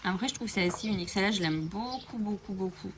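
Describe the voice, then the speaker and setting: A woman's voice: medium pitch, fast, background noise. A woman hosting a coloring channel, flipping through coloring books and chatting enthusiastically, with frequent fillers. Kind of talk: casual book flip-through. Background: bird chirping.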